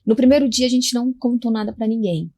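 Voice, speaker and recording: Brazilian woman, young, quiet voice, tells her story on a podcast and acts out what people said. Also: fairly high pitch, quick pace. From Minas Gerais, Brazil. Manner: soft-spoken, acts out quoted lines. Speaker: guest mother. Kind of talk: personal storytelling in a podcast chat.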